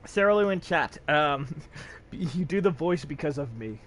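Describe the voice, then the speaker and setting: Animated, joking male game streamer. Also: a little high, a little slow. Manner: joking, animated, self-mocking. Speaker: gameplay streamer. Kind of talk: casual gameplay commentary.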